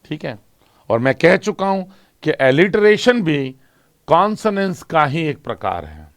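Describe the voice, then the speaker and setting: A man teaching an English exam class, asking questions and answering them himself and reading example lines slowly. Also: fairly high pitch, sing-song, dry recording, studio quality. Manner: explains in Hindi with English terms, asks and answers own questions. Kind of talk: classroom lecture.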